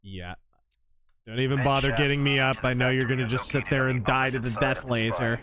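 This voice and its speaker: A man's voice: medium pitch, fairly even intonation, a little fast, a crowd in the background. A man giving live gameplay commentary as a streamer, griping in an exasperated, sarcastic way. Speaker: game streamer.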